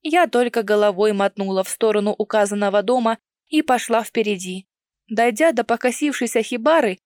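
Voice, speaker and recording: Woman reading an audiobook in first person, kinda wry and chatty, voice a bit high, super dry close sound. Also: no echo. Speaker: audiobook narrator.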